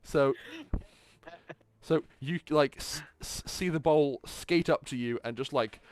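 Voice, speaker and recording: A man's voice: fairly high pitch, takes it slowly, no echo. A man narrating as game master, often stumbling and restarting his words. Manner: stammering, frequent restarts.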